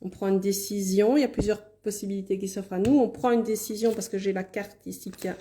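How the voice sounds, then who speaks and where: Mellow-voiced woman with a Liège accent. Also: mid-range voice, fairly even intonation, quick pace, a little hiss or hum. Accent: Liège Belgian French. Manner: chatty, apologetic asides, reads viewer comments aloud. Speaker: card reader hosting a live stream. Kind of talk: casual live-stream card reading.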